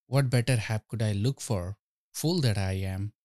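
A man's voice: lowish voice, moderate pace, a little mellow, no room sound, clean studio sound, close to an everyday voice. A man voicing a proud, anxious court storyteller who gets exasperated as he loses. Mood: indignant. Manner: indignant, exasperated. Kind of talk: storybook reading.

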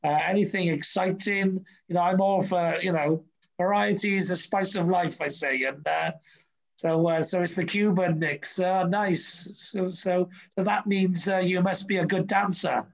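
A man's voice: sits high, fairly even intonation, unhurried, gravelly, low-quality recording. A man hosting a casual interview, chatty and rambling with lots of fillers. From Wales. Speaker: podcast host.

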